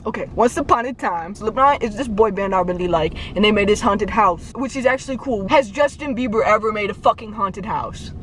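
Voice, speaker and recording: A woman's voice: on the high side, a bit bright, slight background noise. A woman vlogger telling a storytime tale in a casual, profane, joking ramble.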